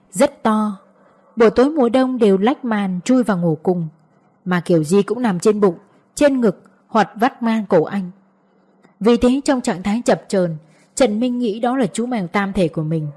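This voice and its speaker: Female audiobook narrator, mid-pitched, mellow and soft-edged, reading scripted fiction. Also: animated, moderate pace, husky.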